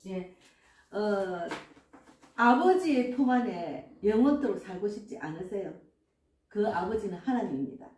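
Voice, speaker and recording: This time the sixty-something woman pastor has a darker, medium-pitched voice, still animated but a little slow, with long pauses. She preaches earnestly and emphatically and adds frequent affirming asides. The recording comes from a distant mic in an echoey church sanctuary with faint music.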